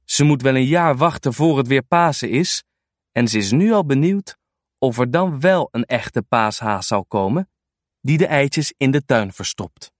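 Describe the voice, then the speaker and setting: A man reading a children's storybook aloud in an animated, unhurried way. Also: medium pitch, no echo, studio quality.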